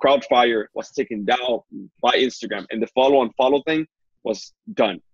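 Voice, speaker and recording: Husky young man on a muffled call. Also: medium pitch, dry recording. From Dominican Republic. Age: 20s. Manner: fast, chatty, lots of fillers and repeats. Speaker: guest, Instagram consultant. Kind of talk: casual interview on a video call. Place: small home room indoors. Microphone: earbuds on a video call. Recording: dull, dry call audio.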